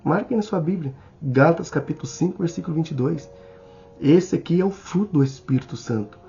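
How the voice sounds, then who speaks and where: A man with a Brazilian Portuguese accent teaching a Bible study in a sermon style, speaking slowly and deliberately and addressing the listener directly. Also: on the high side, gravelly, warm tone. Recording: slightly dull recording with faint music.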